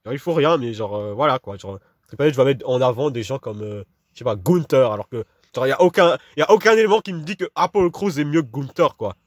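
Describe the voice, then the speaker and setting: A man's voice: medium pitch, animated, fast, few pauses, no echo. Young guy, casual rambling ranker, dry close mic, mid voice, lots of fillers. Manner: rambling, slangy, dismissive, heavy fillers. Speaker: wrestling commentator ranking a roster. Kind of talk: casual monologue.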